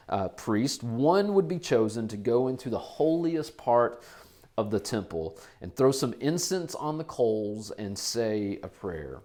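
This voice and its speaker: A man's voice: lowish voice, a little mellow. A man, preaching a conversational sermon to his congregation and to viewers online. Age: 40s. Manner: conversational, repeats phrases for emphasis. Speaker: pastor. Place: church.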